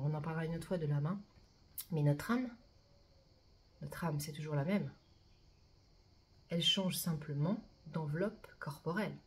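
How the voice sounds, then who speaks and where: A woman giving a chatty spiritual oracle card reading to her viewers, often tagging her sentences with "hein" and reading mantras slowly and softly. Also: fairly low pitch.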